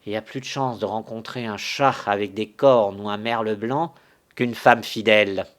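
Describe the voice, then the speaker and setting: A man voicing a gruff, blunt middle-aged landowner in a solo dramatic reading of a stage farce, sarcastic and quick to shout. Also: on the low side, steady tone, lightly acted.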